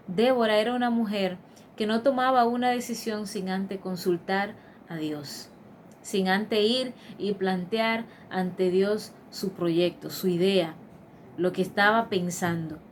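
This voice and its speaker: A woman's voice: medium pitch, a little slow, a little hiss or hum. A woman preaching a devotional sermon in an earnest, emphatic manner, with frequent fillers and restarts.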